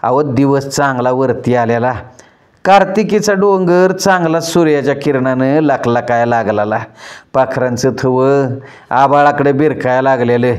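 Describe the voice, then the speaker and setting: Slow, wry village storyteller, a man. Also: mid-range voice, darkish tone, clear, resonant tone. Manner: wry, self-mocking, addresses listeners directly. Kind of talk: rural folk storytelling.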